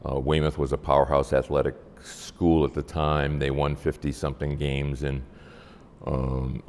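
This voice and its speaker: An older man, reminiscing in a halting, measured way with frequent pauses. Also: very deep voice, monotone, darkish tone. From Massachusetts, United States. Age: 70s or older. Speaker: interviewee. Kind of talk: oral history reminiscence. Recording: long hall-like reverb.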